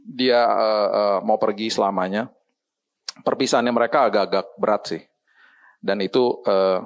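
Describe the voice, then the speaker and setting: A middle-aged man, a pastor, preaching a sermon and telling a family story, sometimes slipping into English phrases and acting out the people he quotes. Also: lowish voice.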